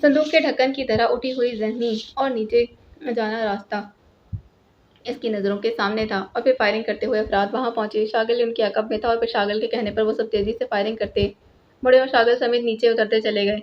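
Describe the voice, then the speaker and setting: A woman's voice: a little high, steady tone, a little hiss or hum. Woman reading a spy novel aloud. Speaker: narrator. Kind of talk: scripted audiobook narration of a spy novel. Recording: lo-fi, dull sound.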